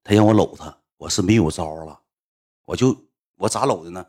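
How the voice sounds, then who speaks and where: A man with a Northeastern Mandarin accent telling a story in casual chat, animated and acting out the voices of the people in it. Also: fairly low pitch, fairly quick. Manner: animated, acts out quoted voices.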